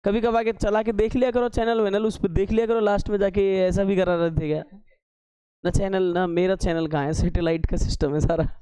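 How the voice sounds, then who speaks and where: High-voiced teasing male math teacher. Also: steady tone, brisk, warm tone, smooth, dry recording. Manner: teasing, scolding students with sarcastic asides; works steps aloud, repeating key terms as questions. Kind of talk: classroom lecture at a board.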